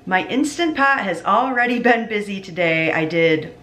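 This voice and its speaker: A woman's voice: medium pitch, animated, moderate pace, a bit bright. A woman in her thirties filming a casual meal prep vlog in her home kitchen, chatty and often stopping herself mid-sentence to start over. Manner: chatty, self-interrupting, laughs at her own slips. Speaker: cooking vlogger. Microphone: camera mic at arm's length and on the counter.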